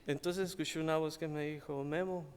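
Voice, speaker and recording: Mexican pastor guy preaching, high voice, slow and emphatic, long echo in the church hall. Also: fairly even intonation, smooth. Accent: Mexican Spanish. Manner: slow, emphatic preaching that rises when stressing points. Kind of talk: sermon with personal testimony.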